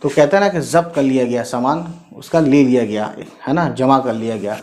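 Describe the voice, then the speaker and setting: A man teaching as a language tutor, talking casually, slowly sounding out letters and often adding little tag questions to check on his students. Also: medium pitch, darkish tone. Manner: slow, repeats letters and sounds out spellings; frequent "theek hai" and "hai na" tags.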